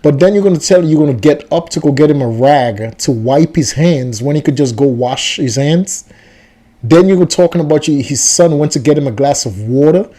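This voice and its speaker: Skeptical man with a warm, mellow voice. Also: a little high, expressive, normal speed. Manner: skeptical, rambling, repeats himself. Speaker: reaction video host. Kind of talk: casual commentary.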